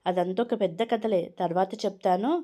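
A flustered young man who rushes out his excuses, read aloud by a woman. The voice stays mellow, and it is the voice of a storybook reading. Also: medium pitch, lightly acted. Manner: hurried and evasive.

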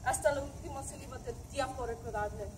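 A woman reciting verse on stage in a measured, declamatory way. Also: high voice, noisy background. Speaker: performer reciting translations. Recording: echoey stage from far off.

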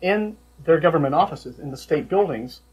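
A man's voice: fairly high pitch, lively intonation, normal speed, a little mellow, slightly rough, low-quality recording. A man in his thirties co-hosting a call-in show, talking casually and giving his opinions in a conversational way. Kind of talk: casual panel talk. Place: small TV studio.

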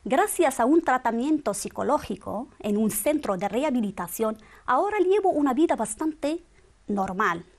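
A woman's voice: sits high, sing-song, moderate pace. A woman teaching a grammar lesson, drilling verb forms one by one with patient quiz questions. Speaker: Spanish teacher.

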